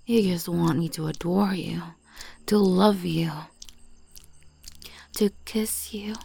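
A woman speaking in a soft, breathy whisper in a teasing, coaxing ASMR roleplay. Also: fairly low pitch.

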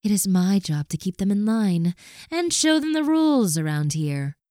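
A woman performing a scripted audio roleplay in a commanding, dominant manner, often dropping into soft whispers close to the mic. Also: medium pitch, sing-song, moderate pace, no echo.

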